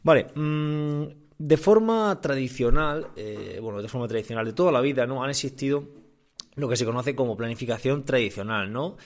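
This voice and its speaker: A man's voice: mid-range voice, normal speed. A man speaking casually as a podcast host and coach, explaining things and often rephrasing as he goes. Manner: conversational, often repeats and rephrases. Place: room indoors. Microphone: condenser microphone.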